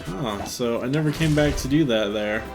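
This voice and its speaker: A man chats casually through a video game playthrough. He sounds offhand and rambling, in an ordinary mid-range pitch, with the game's music clearly audible behind him. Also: normal speed. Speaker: gameplay commentator.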